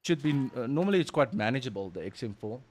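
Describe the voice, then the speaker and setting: A man's voice: mid-range voice, lively intonation, fast, darkish tone, slight background noise. A man with a South African accent commentating casually on a live game stream in informal, slangy language. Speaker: livestream host and game commentator.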